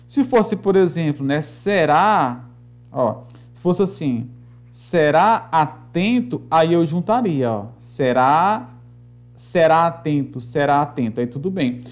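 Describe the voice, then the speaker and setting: A man teaching a recorded literature lesson, patiently explaining rhyme and meter, slowing down to count syllables aloud and often checking in with "né" and "tá". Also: a little high, a little mellow.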